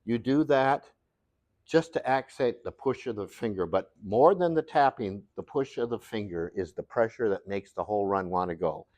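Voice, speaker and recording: A man's voice: fairly low pitch, animated, normal speed, a little mellow, dry recording. A man teaching glass cutting in a studio workshop, talking in a folksy, rambling way as he thinks aloud through a hands-on demonstration.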